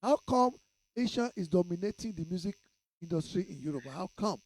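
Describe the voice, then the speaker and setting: Mellow Nigerian radio host, playfully probing. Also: male voice, sits high, expressive, a little fast, dry recording, rough recording. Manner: probing, playful questioning with pidgin touches. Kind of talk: radio interview.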